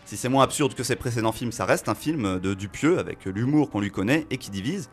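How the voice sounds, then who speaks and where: Guy doing a film review on the radio, lively and a bit rambly, soft music in the back. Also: medium pitch, a little fast. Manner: animated, reasoning aloud with fillers. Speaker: film critic.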